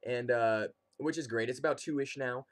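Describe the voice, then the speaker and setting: A man's voice: mid-range voice, moderate pace. A young man casually telling a humorous personal story, animatedly acting out his reactions. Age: young adult. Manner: animated, acts out quotes and reactions. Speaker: comedic storyteller.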